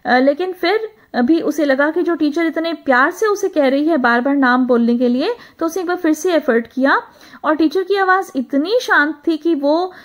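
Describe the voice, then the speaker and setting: A woman's voice: high voice, moderate pace. A woman teacher who reads a story aloud in English, then retells it in Hindi, with frequent hesitations. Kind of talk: reading a story aloud and explaining it.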